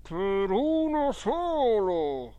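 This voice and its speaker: Reader doing a kid faking a ghost, thin solemn voice, real slow. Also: medium pitch, very animated, warm tone, dull audio, voice pushed up. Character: boy faking a dead uncle's ghost.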